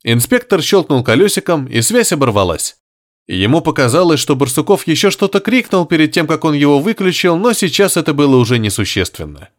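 A man narrating an audiobook in an expressive, theatrical reading style. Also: fairly high pitch, a little fast. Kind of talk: scripted narration.

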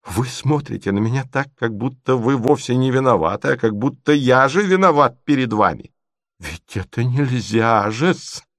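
A man voicing a hot-tempered young gentleman, jilted and indignant, with drawn-out shouted outbursts in a storybook reading. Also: medium pitch, creaky, dry recording, clean studio sound, close to an everyday voice. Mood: outraged.

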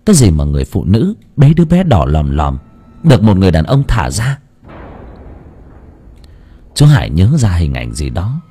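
A man reads a ghost story aloud as an audiobook narrator. His voice is fairly low yet very animated in its melody. He tells the story expressively. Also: moderate pace, pauses often, slightly rough.

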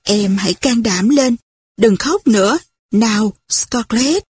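A woman voices a gentle, kind young woman who comforts others in a soft, soothing tone. The voice is breathy and slightly high, recorded dry and close. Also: takes it slowly, no echo, exaggerated voice.

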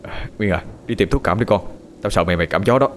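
A man's voice: on the low side, fast, slight background noise, lightly acted. A man voicing a worried middle-aged father and husband in a spoken story.

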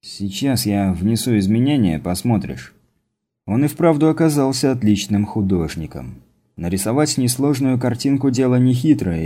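A man reading a science fiction audiobook as narrator, in steady scripted narration. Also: lowish voice.

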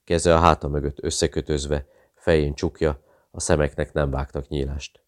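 A man's voice: very deep voice, flat delivery, no room sound, clean studio sound. A man steadily narrating a thriller audiobook.

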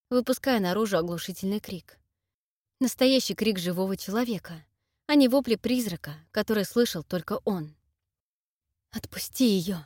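A woman narrates a fantasy novel in an even, measured way, at a middle pitch for a woman. The recording is dry and close, with no room sound. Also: no echo. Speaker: audiobook narrator. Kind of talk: scripted narration.

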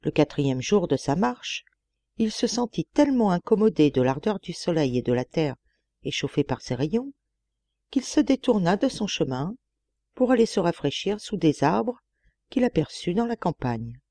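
A woman narrating a classic tale in a measured, expressive audiobook reading on a close mic. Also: fairly low pitch, no room sound.

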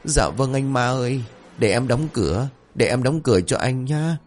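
A man's voice: mid-range voice, moderate pace, voice pushed up, lightly acted. A man voicing a cowardly young burglar who stammers and pleads. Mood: terrified.

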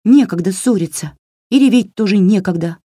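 A woman voicing a sensible little female doll in a storybook reading, brisk and clipped in manner. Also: mid-range voice, dark tone, dry recording, clean studio sound, pitched above the performer's own voice, natural voice.

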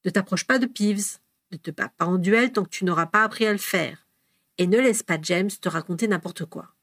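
A calm father, firm with his children and gently reassuring, as a woman reads him aloud. The storybook voice is dry and close. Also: mid-range voice, moderate pace, husky, no room sound.

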